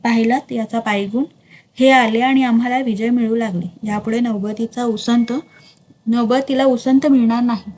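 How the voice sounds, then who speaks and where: A woman's voice: a little high, fairly even intonation, normal speed, darkish tone, natural voice. A woman voicing a proud, confident warrior king in a spoken storybook, in a raised voice.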